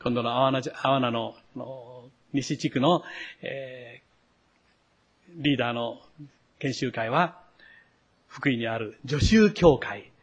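A man, a pastor delivering a sermon, who acts out the quoted speech with a raised voice and drops to a hush when he turns to the congregation. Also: mid-range voice, takes it slowly, long pauses, husky, dull audio.

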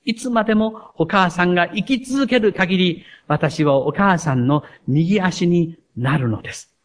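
A pastor giving a sermon, reading a story aloud in an earnest, measured way. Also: male voice, high-pitched, a little hiss or hum.

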